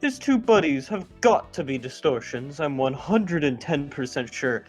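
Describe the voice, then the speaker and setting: A woman's voice: low-pitched, expressive, moderate pace, slightly rough, faint music behind. A woman streamer who reads game dialogue aloud expressively and chats casually between the lines.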